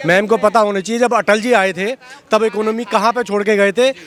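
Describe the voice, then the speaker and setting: A man's voice: sits high, fairly even intonation, fairly quick, fairly bright tone. A man in a street interview rebutting a previous speaker, stopping to correct himself. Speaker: passer-by interviewee.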